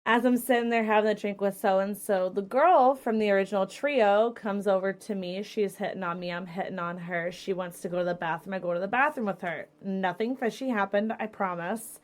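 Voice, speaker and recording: A young woman hosting a casual chat, telling a bar story in a profane, animated way. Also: medium pitch, fairly quick, hardly any pauses. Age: young adult. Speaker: podcast host and streamer.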